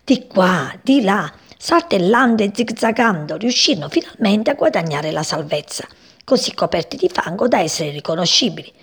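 Gravelly, husky woman reading a story aloud. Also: medium pitch, normal speed. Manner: expressive, voicing the characters.

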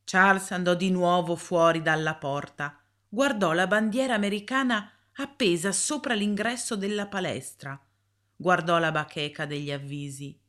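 A woman reading a story aloud in a calm, measured way. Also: fairly low pitch. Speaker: narrator.

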